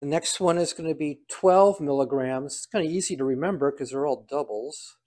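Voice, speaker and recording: A man's voice: a little high, moderate pace, darkish tone. An older man giving a casual hands-on demonstration, talking aloud in a folksy, dryly humorous way. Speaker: home cider maker demonstrating.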